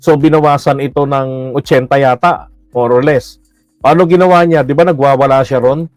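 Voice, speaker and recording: A man's voice: mid-range voice, steady tone, normal speed, no room sound, faint music behind. A man giving blunt, mocking political commentary in a casual livestream, laughing often and using many fillers.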